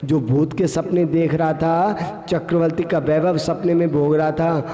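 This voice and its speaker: A man's voice: fairly high pitch, steady tone, unhurried, mellow, highs cut off. A man, a Jain monk, delivers a sermon and tells a story, acting out the voices of its characters. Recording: echoey hall with long reverb.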